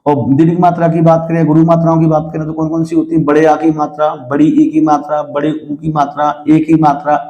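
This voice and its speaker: A man's voice: a little high, dull audio. A man teaching Hindi grammar to students, often checking in with "theek hai" and asking questions that he answers himself. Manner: recites verse slowly and deliberately. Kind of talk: classroom-style lesson.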